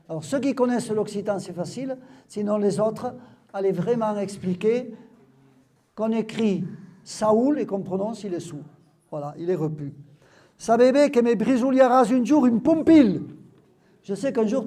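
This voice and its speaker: A man's voice: sits high, warm tone. A man reads lines aloud at a live event and explains each word to the audience, with frequent "hein?" and "voilà". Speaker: Occitan language presenter.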